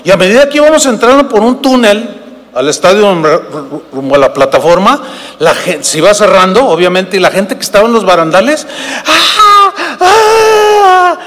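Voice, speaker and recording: Older male pastor, Mexican accent, high-pitched and emphatic sermon voice, big hall reverb. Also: lively intonation, a little fast, a bit bright. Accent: Mexican Spanish. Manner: emphatic, repeats phrases, addresses listeners as brothers. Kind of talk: sermon with storytelling. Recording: long reverb of a large hall.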